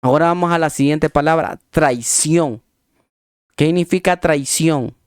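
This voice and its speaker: Emphatic preacher with a clear, high-ish voice. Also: male voice, no echo, clean studio sound. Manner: emphatic, repetitive preaching with slow spelled-out definitions; folksy asides to the congregation. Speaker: pastor. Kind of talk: sermon.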